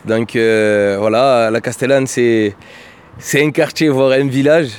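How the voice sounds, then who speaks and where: A man's voice: mid-range voice, steady tone, slow, clean tone. A man telling his life story in an easygoing, rambling way, full of fillers and "et cetera", as an interviewee sitting outdoors in his neighbourhood. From Marseille, France. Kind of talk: casual storytelling.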